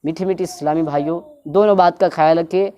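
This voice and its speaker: A woman's voice: on the low side, steady tone, warm tone. A woman giving a religious instruction talk, explaining at length, repeating her points and drawing out words to show how they should be pronounced. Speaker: religious teacher.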